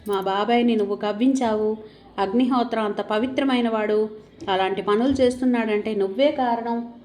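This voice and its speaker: A woman's voice: fairly even intonation, normal speed, darkish tone, close to an everyday voice. Woman voicing a weary, bitter married woman. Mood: distressed. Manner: bitter, confiding, low-voiced.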